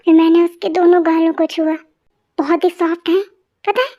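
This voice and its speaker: A patient young husband with a soft, coaxing way of talking, as a woman puts him on in a homemade fan dub. The voice stays very high for a man, and it is kept low and gentle. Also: fairly even intonation, normal speed, muffled recording. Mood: tender teasing. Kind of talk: amateur Hindi fan dub.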